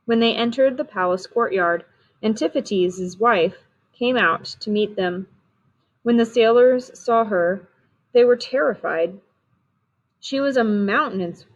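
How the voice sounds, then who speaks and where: A woman reading a storybook aloud in a steady, clear manner, on a dull lo-fi recording. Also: mid-range voice. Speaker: reader.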